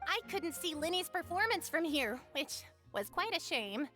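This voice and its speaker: A woman's voice: extremely high pitch, big pitch swings, normal speed, sharp tone, soft background music, heavily acted. A woman voicing a small female Melusine guard in a video game, earnest and chatty about her duty. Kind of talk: game voice acting.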